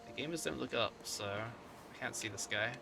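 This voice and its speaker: A man's voice: mid-range voice, moderate pace, gravelly, music in the background. A man giving casual live gameplay commentary as a streamer, often muttering to himself. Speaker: game streamer.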